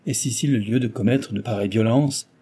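A man voicing a stern young man who loudly reproaches two quarrelling gentlemen. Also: mid-range voice, brisk, husky. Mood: reproachful. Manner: loud, reproachful.

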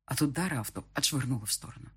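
A man's voice: medium pitch, animated, very fast, a bit bright, slightly rough. A man reading a first-person audiobook with a tense, emotional delivery. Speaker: audiobook narrator.

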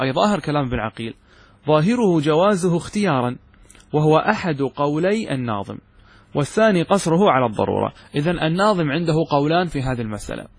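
A man, a sheikh, giving a grammar lesson, explaining step by step and often asking the class whether it is clear. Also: mid-range voice, no room sound. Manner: explains step by step, often checking understanding with questions. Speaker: sheikh teaching Arabic grammar. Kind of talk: classroom lecture explaining a text.

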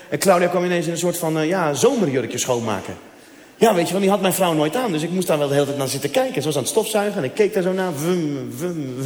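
Man doing stand-up in an echoing hall. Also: high-pitched. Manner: casual storytelling with asides to the audience. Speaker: stand-up comedian. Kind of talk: stand-up comedy routine. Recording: echoey hall sound, faint noise.

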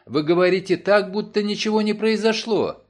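A man's voice: sits high, moderate pace, voice pushed up, lightly acted. A man voicing an anxious young woman who was robbed, speaking in a raised, breathless and pleading way in an audiobook. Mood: agitated.

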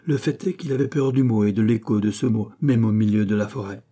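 A man reading a classic novel aloud in a measured storytelling manner. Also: on the low side, dark tone. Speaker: audiobook reader. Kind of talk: scripted audiobook narration.

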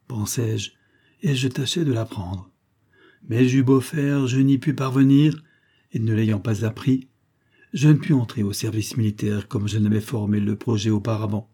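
Grave, husky male storyteller. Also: medium pitch, dark tone. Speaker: audiobook reader. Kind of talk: literary audiobook narration.

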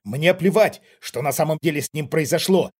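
Brief: male reader doing a desperate father, raised pitched yelling, husky voice. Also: lively intonation, moderate pace. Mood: shouting. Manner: loud, shouting, defiant. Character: cornered frightened angry father, middle-aged man.

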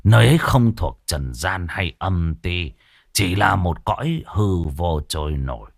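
A man voicing a frail, trembling clan elder over a hundred years old in a ghost story, speaking slowly and solemnly. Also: deep voice, sing-song, vocal fry, no room sound, clean studio sound, exaggerated voice. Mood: grave.

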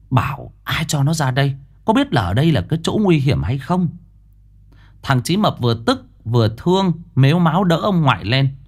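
A man telling a ghost story as dramatic, expressive scripted narration. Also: medium pitch.

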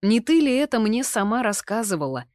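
Woman voicing a stubborn young man, brisk and argumentative, low voice, dry close sound, audiobook. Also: animated, dry recording, natural voice. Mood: heated. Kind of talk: audiobook reading.

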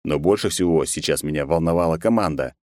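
A man narrating an audiobook in a steady, measured reading. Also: very deep voice, no echo, studio quality. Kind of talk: scripted narration.

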